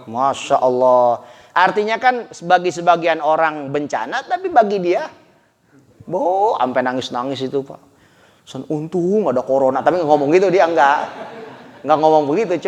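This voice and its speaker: A man preaches in a casual, lively way, calling out to his listeners as he goes. His voice sits fairly high for a man. It rings with the long echo of a large hall. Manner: animated, colloquial, addressing listeners as Pak, with laughter. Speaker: Islamic preacher. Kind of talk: sermon. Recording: echoey hall recording.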